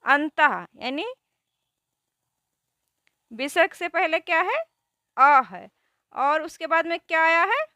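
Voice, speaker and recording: A woman teaching a grammar lesson who asks questions and answers them herself, spelling out words slowly. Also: extremely high pitch, sing-song, pushed and bright, no room sound, studio quality.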